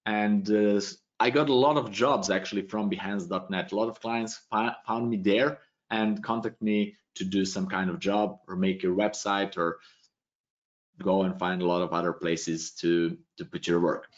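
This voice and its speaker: A man's voice: low voice, fairly even intonation, moderate pace. A man in his thirties with a Serbian accent, thinking aloud in loose non-native phrasing as he answers questions in a live webcam tutorial from a small home room. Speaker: webinar presenter answering questions. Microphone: webcam video call. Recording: dull lo-fi stream audio.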